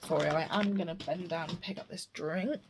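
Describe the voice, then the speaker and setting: British woman chatting, missing-tooth speech, lowish pitch. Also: fairly quick, creaky, background noise. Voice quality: slight slur from a missing front tooth. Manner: chatty, rambling, self-interrupting. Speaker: stitching vlogger. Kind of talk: casual chat to camera about craft projects.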